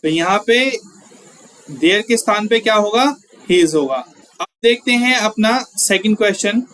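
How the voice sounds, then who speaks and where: A man's voice: high voice, moderate pace, a bit bright, poor audio. A man teaching an exam-prep grammar lesson, explaining step by step, asking viewers questions and reading example sentences word by word.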